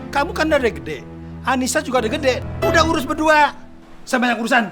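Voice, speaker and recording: An actor playing a gruff short-tempered father. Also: medium pitch, lightly acted. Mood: stern. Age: middle-aged. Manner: gruff, quick to scold. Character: stern middle-aged father, bajaj driver, short-tempered. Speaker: father and bajaj driver. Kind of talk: comic TV serial acting. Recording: very loud music behind.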